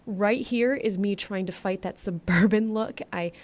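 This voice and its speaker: A woman's voice: medium pitch, a little slow. An American woman with a congested, blocked-nose sound, a little short of breath, giving a chatty, casual voiceover commentary. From United States. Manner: chatty, rambling. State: getting over bronchitis, stuffed nose, short of breath. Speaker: gaming video creator.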